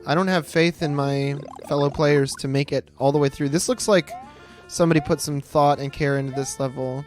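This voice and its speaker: In casual gameplay commentary, a late-twenties streamer hosts and rambles, cursing freely and making fun of himself. He speaks a little fast in a fairly high voice with a steady tone. There's faint music behind him.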